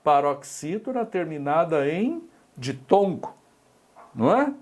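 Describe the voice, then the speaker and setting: Speaking slowly in a fairly high, darkish voice with big swings in pitch, a middle-aged man from Brazil leads a grammar class for exam preparation. His Brazilian Portuguese accent is clear as he explains each step. He keeps checking understanding with tag questions.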